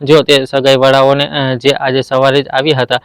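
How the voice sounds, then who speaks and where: A man voicing a sly, scheming young wife who levels false accusations, in a flat, smooth voice. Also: medium pitch, normal speed, no room sound, close to an everyday voice.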